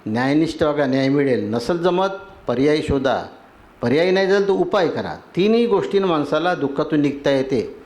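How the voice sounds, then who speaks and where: A man's voice: on the high side, expressive, brisk, darkish tone. A man, a spiritual teacher giving a devotional sermon. He lists terms in rhythmic runs and keeps asking his listeners whether they agree. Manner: asks the audience for agreement.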